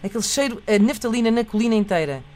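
A man's voice: high voice, animated, quick pace, a little mellow. A man with a European Portuguese accent hosting a comic radio quiz, playful and mock-theatrical. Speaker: radio show host.

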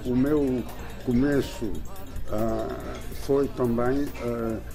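A man being interviewed who speaks haltingly and fills pauses as he gathers his thoughts. Music plays clearly in the background. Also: medium pitch, fairly even intonation. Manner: hesitant, with fillers and restarts. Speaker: community organizer interviewee. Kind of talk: recalled personal account.

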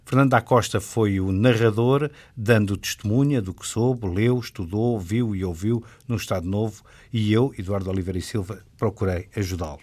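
A man's voice: on the low side, normal speed, few pauses, a little mellow. A man with a European Portuguese accent hosting a radio interview, asking his questions hesitantly with many fillers and repeated words.

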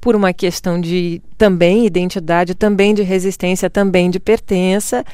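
A middle-aged Brazilian woman with a Brazilian Portuguese accent reflects as a guest in a conversational interview, laughing often and quoting others in lively voices. Her fairly low voice is smooth and moderately paced, recorded dry.

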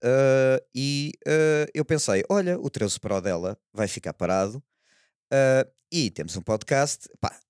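A podcast panelist with a European Portuguese accent chats casually, meandering and hesitant, often checking in with questions. His medium-pitched voice is expressive, darkish, clear and resonant at a measured pace, captured in clean studio sound with no echo.

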